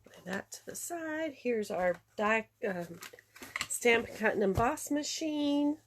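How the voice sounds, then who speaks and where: A woman's voice: on the high side, animated, slow pace, noisy background. A congested woman chatting casually through a craft tutorial, talking through each step as she works. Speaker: card-making demonstrator.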